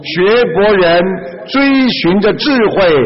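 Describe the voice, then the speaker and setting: A man giving a Buddhist sermon, telling a parable and exhorting listeners slowly and earnestly. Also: high-pitched, animated, husky. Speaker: Buddhist preacher. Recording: dull reverberant lo-fi recording.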